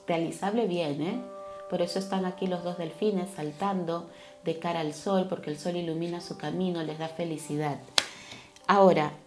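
A woman's voice: lowish voice, fairly even intonation, moderate pace, music in the background. A woman reading tarot cards for her viewers, speaking affectionately and tagging her sentences with little questions. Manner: affectionate, with frequent tag questions. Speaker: tarot card reader.

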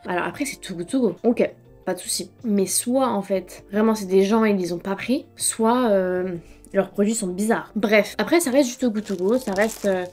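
A woman's voice: mid-range voice, moderate pace, darkish tone, soft background music. A woman vlogging casually to a phone camera, chatty and slangy, with a blocked nose and congested throat. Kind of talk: casual vlog chat.

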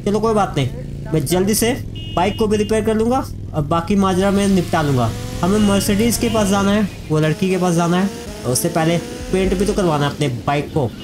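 Man, casual gameplay commentator, chatty with viewers; high voice, noisy game audio underneath. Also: brisk. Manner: chatty, addresses viewers as friends. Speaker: gaming YouTuber. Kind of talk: casual let's-play commentary.

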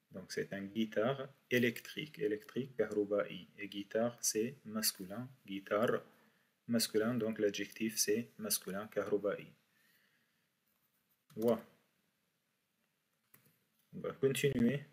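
A man teaching a beginners' class in French, slowly repeating each word for his students. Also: medium pitch, slightly rough. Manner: slow, repeats words for learners. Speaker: Arabic teacher. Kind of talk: university language lesson.

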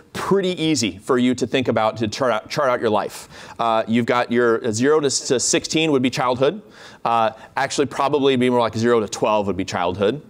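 A man giving a keynote lecture on a hall stage, chatty and jokey, with many fillers and restarts. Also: medium pitch. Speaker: keynote speaker, instructor.

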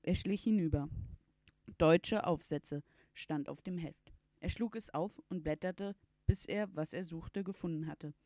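A woman reading a children's book aloud in a calm storytelling manner. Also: on the low side, normal speed, no echo. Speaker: reader.

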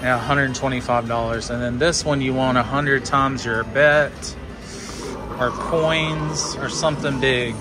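A man gives casual, slow-paced gambling commentary on a casino floor. He speaks in short bursts, counting along and coaching at a medium pitch. Music plays clearly behind him. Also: fairly even intonation. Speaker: slot machine vlogger coaching a friend. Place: indoor casino floor at a slot machine. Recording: music playing in a busy casino. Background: loud casino machine music.

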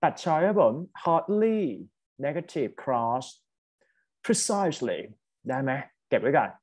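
This Thai-accented man's fairly high, darkish voice swings widely in pitch and stretches out words. Teaching online test-prep English, he mixes English vocabulary into Thai and urges students to type their answers.

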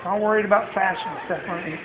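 A woman's voice: mid-range voice, fairly even intonation, very fast. Give me a woman coaxing a child on an old VHS tape. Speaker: helper guiding a child on a swing. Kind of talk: casual coaxing talk to a child. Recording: muffled noisy echoey old home video.

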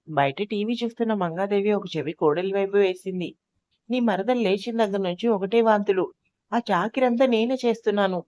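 A woman's voice: mid-range voice, a little mellow, no room sound. A woman narrating a family drama story, voicing the quarrelling relatives herself. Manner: acts out quarrelling family members in her own voice.

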